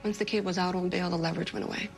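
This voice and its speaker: An actress playing a worldly legal insider who speaks dry and matter-of-fact, in a TV drama scene. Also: female voice, fairly low pitch, fairly even intonation, very fast, creaky, soft background music. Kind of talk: TV drama acting.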